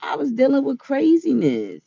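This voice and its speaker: A woman's voice: sits high, wildly swooping pitch, moderate pace, creaky, warm tone, dry recording, muffled recording. A woman in her forties giving earnest, preachy advice in a casual vlog monologue. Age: 40s. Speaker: vlogger.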